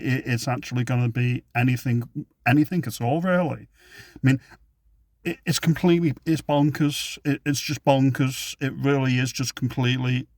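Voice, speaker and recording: English man ranting to camera in a flat, even voice, dry recording, dismissive and repetitive. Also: mid-range voice, dry recording. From England. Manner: emphatic, repetitive restarts, dismissive. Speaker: vlogger giving opinions. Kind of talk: unscripted opinion monologue.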